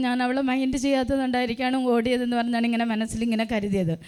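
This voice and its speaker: A woman in her sixties gives a spoken church testimony, telling it plainly and often pausing on "um" to retell her own prayers. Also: fairly high pitch, a little mellow, smooth. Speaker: parishioner giving a testimony.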